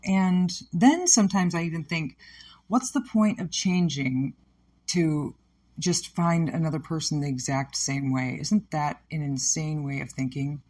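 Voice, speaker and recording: A woman's voice: deep voice, darkish tone. A woman hosting a personal podcast, talking frankly and reflectively about her own life and questioning herself. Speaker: podcast host. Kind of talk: candid personal podcast monologue.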